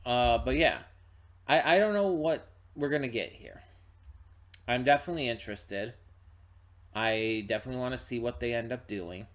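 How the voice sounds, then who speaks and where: Male channel host, mid-pitched, casual rambling delivery, tired and yawning. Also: normal speed, pauses often. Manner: rambling, restarts often, frequent fillers. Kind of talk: casual pre-reaction talk to camera.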